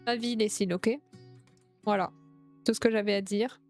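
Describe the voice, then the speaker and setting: A young woman streamer chatting excitedly while playing a game, gushing over everything she sees. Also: mid-range voice, normal speed, faint music behind. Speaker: Twitch streamer. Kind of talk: casual gameplay streaming.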